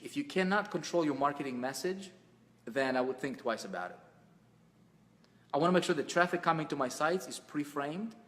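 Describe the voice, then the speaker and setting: A man's voice: medium pitch, fairly bright tone. A man hosts a webinar in an easygoing, rambling pep-talk manner. He restarts his sentences and leans on fillers as he urges listeners on, and his voice trails off into a long reverb, as if he is talking in a big, hard room. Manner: casual, repetitive, with frequent fillers and restarts. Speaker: webinar host.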